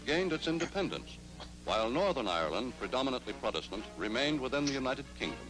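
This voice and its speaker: A man's voice: mid-range voice, very animated, fast, over music, low-quality recording. A man giving formal, declamatory documentary narration on an old newsreel soundtrack. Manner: formal, declamatory announcer delivery.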